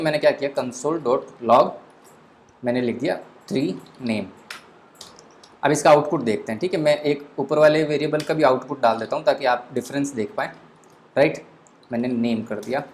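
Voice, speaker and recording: A man's voice: mid-range voice, normal speed. A man teaching a beginner programming lesson, explaining step by step, mixing English into Hindi, with frequent fillers. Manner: explains step by step, many fillers like 'theek hai'; mixes English phrases into Hindi. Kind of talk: screen-recorded coding lesson.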